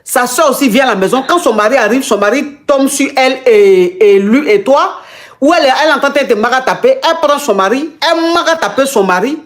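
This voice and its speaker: A high-pitched woman hosts a call-in advice talk. She talks straight to her caller, exclaiming and teasing, and she acts out every quote with drama. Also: expressive, fairly quick. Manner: retells the caller's story dramatically, acting out the quotes. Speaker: advice show host, the coach.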